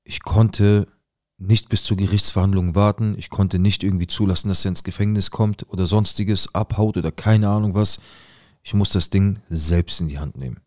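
Telling his own emotional story, this man relives events by quoting the dialogue, intense and heated throughout. He has a deep, a little mellow voice with fairly even intonation and moderate pace, recorded in studio quality with no echo.

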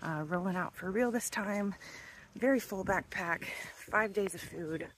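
Holding her phone at arm's length, a twenty-something woman narrates a casual vlog on a thru-hike through wooded mountains. She speaks at a measured pace in a medium, somewhat bright voice, chatty with frequent ums and some near-whispered asides. Audio quality is poor, carrying a slight hiss or hum.

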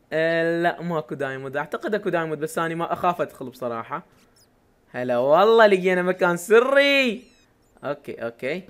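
A young man with an Iraqi Arabic accent, giving excitable live commentary to his viewers while playing a game, with sudden loud exclamations. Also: a little high. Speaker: gaming YouTuber.

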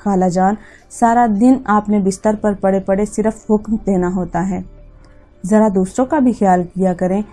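A woman voicing a sharp-tongued young daughter-in-law who talks back defensively in a mellow, low-key tone. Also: steady tone, moderate pace, soft background music, lightly acted. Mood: irritated. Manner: snappish and defensive.

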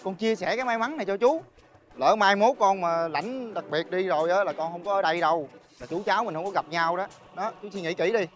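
A young actor with a Southern Vietnamese accent, playing a smooth-talking swindler who coaxes and chuckles his way into a deal. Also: sits high, brisk, soft background music, close to an everyday voice. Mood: persuasive. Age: young adult. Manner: persuasive, coaxing, chuckling often. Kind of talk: TV drama acting.

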